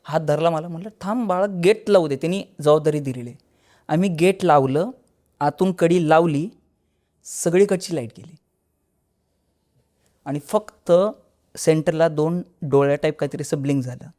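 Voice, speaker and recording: A man with a Marathi accent recounts a real haunted experience as a podcast guest. His voice sits fairly high, and he drops it low and quiet when he acts out what people said. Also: moderate pace, pauses often. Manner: storytelling, acting out dialogue in a lowered voice. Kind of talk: telling a horror experience.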